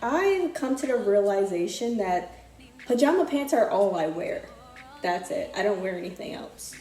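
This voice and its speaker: Very animated yet mellow, the young woman's mid-range voice moves at a moderate pace as she chats through a thrift haul, her vlog full of fillers and restarts. The room is echoey, with faint music behind her.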